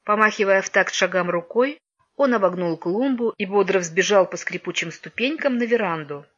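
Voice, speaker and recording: A woman narrating a children's story in an even, measured reading voice, on a dull lo-fi recording. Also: mid-range voice, slightly rough. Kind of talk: audiobook narration.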